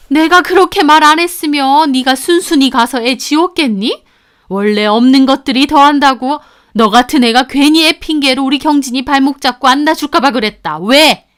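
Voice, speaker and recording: A woman plays a scornful, middle-aged rich mother who shrieks and belittles others. The voice is high-pitched and pitched above her own, though still close to an everyday voice, delivered at normal speed.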